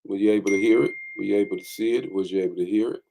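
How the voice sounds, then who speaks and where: A man's voice: on the low side, rapid-fire, gravelly, dark tone, slight background noise. A man hosting an online morning teaching as bishop, greeting viewers by name and talking with many fillers.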